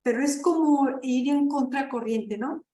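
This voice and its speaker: A woman's voice: high voice, unhurried, warm tone, echoey room, a little hiss or hum, low-quality recording. A woman participant earnestly sharing a personal story in a workshop.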